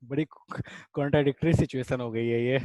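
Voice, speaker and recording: A man's voice: medium pitch, fairly even intonation, fairly quick, dark tone, no room sound, dull audio. A man teaching chemistry in a casual online class, explaining reactions and chatting with students, calling them beta. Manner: chatty, addresses students as beta, reads out their chat comments.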